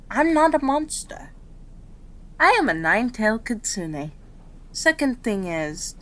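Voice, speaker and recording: A woman with a mid-range voice plays a gentle, patient female kitsune doctor in an ASMR roleplay. She speaks in a soothing, polite, measured way, with a patient, explanatory mood.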